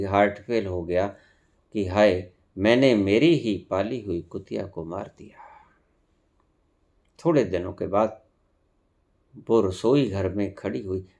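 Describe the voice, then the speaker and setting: A man giving a spiritual discourse, preaching slowly with sudden emphatic rises. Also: lowish voice, darkish tone. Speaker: spiritual teacher.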